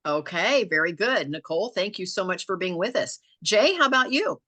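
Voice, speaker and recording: A woman's voice: medium pitch, lively intonation, moderate pace, bright, forceful tone. A woman hosting an online group meeting on a video call, friendly and encouraging as she calls on people. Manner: friendly, encouraging, laughs easily.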